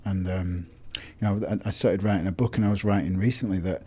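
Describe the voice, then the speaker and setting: 40s man, interview guest; husky, low, halting delivery. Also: steady tone, dark tone. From Lancashire, England. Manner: halting, repeats words, many "you know" fillers. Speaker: guest, psychotherapist. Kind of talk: casual interview.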